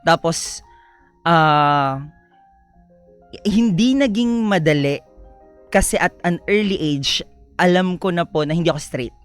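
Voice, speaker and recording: A young man, a guest on a radio talk show, telling his life story in a soft-spoken, polite way, often slipping into English. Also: on the high side, slow pace, pauses often, smooth, soft background music. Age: young adult. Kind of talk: personal storytelling interview.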